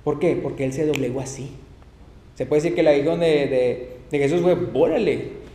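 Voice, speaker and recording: Animated preacher in echoing hall. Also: mid-range voice, brisk, a little hiss or hum. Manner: animated, laughs often, acts out quoted lines. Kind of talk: sermon with scripture reading. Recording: reverberant church hall.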